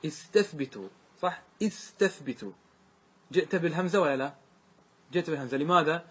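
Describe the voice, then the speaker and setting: A man's voice: a little high, fast, a bit bright, slightly rough. A man teaching a grammar lesson, asking the class questions and repeating the answers to them. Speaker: teacher explaining grammar verses.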